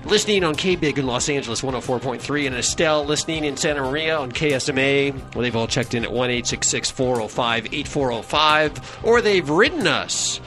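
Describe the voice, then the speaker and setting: A man's voice: medium pitch, expressive, fairly quick, few pauses, fairly bright tone, soft background music. A man hosting a radio talk show, joking with his co-host and plugging giveaways. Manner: jokey, upbeat, plugging giveaways.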